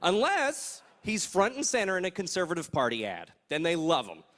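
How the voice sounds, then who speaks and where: A man announcing the next comic with a scripted joke introduction, building to a shouted welcome. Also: sits high, huge pitch swings, normal speed. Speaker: comedy show announcer. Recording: hall reverb, faint crowd and noise.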